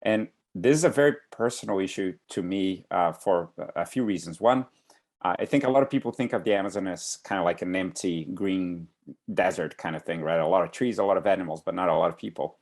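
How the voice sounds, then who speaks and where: Very low-voiced Brazilian man presenting. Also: a little fast, a little mellow. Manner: hesitant, many fillers and restarts. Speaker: guest speaker. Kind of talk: online class presentation. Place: home in Brooklyn.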